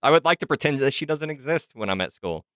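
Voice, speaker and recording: A man's voice: on the high side, expressive, fast talker, bright, forceful tone, no room sound, clean studio sound. A man playing a tabletop game, chatty and often correcting himself. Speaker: player.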